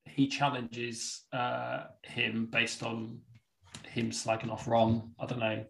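A man's voice: mid-range voice, level tone, slow, gravelly, fairly bright tone. A man, a podcast guest, rambling casually and tipsily over a video call. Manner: rambling, tipsy and laid-back. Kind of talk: casual chat. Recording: roomy echo.

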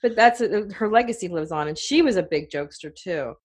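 A woman's voice: on the low side, lively intonation, brisk. A middle-aged woman co-hosting a radio talk show, telling family stories in a chatty way with lots of fillers. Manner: chatty, storytelling, many fillers. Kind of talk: casual chat.

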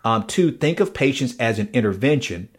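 A man's voice: medium pitch, expressive, normal speed, husky. A man hosting a faith talk show, earnestly recapping his guest's points and often repeating his words as he talks. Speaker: podcast host. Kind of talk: conversational interview.

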